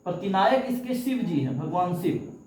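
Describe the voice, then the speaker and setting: A man's voice: sits high, big pitch swings, moderate pace, a little mellow. Echoey male teacher quizzing his class. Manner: asks questions and answers them himself; chants verses in a recitation tone. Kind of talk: live online exam-coaching lesson.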